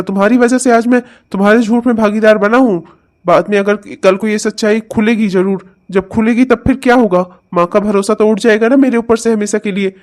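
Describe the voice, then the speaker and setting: A man's voice: high-pitched, darkish tone, lightly acted. A man voicing an honest young husband who sternly lectures his wife in a cartoon comedy. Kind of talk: cartoon voice acting.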